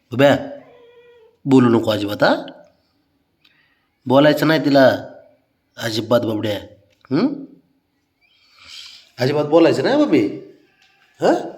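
A man's voice: medium pitch, a little mellow, reverberant. A man talking casually to his pet cat, coaxing and teasing it with cooing nicknames. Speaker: cat owner.

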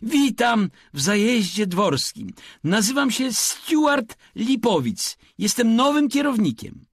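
A man's voice: extremely high pitch, very animated, slow pace, slightly rough, dry recording, studio quality, voice pushed up, full character voice. A man voicing an unctuous, overly polite male motel manager with a sugary, falsely courteous manner.

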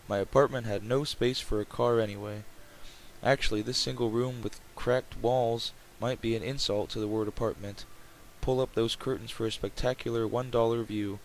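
Male gamer narrator, medium pitch, reading story text with offhand commentary, noticeable background noise. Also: rough recording. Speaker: let's player reading a visual novel aloud. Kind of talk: reading game text aloud with casual asides. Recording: clear background noise, game ambience.

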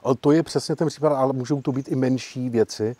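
Husky man explaining negotiation tactics. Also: medium pitch, no echo. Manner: lively, emphatic, acts out example quotes. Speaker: professional negotiator, guest speaker. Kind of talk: explanatory interview talk.

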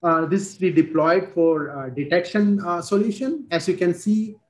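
Speaking into a headset on a video call, a man in his forties with an Indian accent walks through a technical product demo. He has a high voice and a halting style with many fillers and restarts, and the recording sounds roomy.

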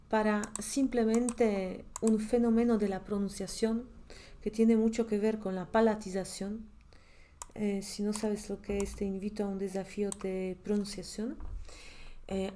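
A woman with a Polish accent, a language teacher thinking aloud as she prepares a grammar lesson, repeating words slowly while she checks them. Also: medium pitch, dark tone. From Poland.

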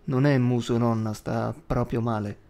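Man doing a quiet former preacher for an audiobook, soft, slow and subdued. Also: mid-range voice, lightly acted. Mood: gentle.

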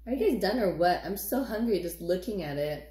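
A mother chatting at home with her children in a relaxed home video. Her voice sits on the low side, and she teases and laughs easily. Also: a little fast. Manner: playful, teasing, laughs often. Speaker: mother filming her kids. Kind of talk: casual family home video.

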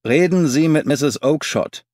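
A man voicing an angry male market dealer who shouts and blusters at a pest, in an audiobook reading. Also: a little high, unhurried, no echo, studio quality, voice pushed up, lightly acted. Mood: furious. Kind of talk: audiobook character voice.

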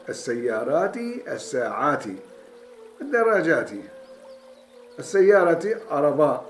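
A man's voice: fairly high pitch, reverberant. A man with a Turkish accent teaching an Arabic text, reading each word, then translating and repeating it patiently.

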